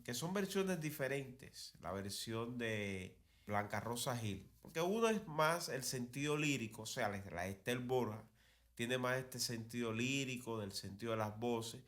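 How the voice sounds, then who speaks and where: A podcast host with a Cuban accent talks through cultural history conversationally, wandering off on tangents and repeating phrases for emphasis. His mid-range voice is fairly bright and a little slow.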